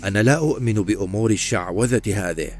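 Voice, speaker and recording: A man voicing a hot-tempered, fearless male knight who speaks in loud, angry bursts. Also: on the low side, fast talker, faint music behind, close to an everyday voice. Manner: angry, shouting in defiance.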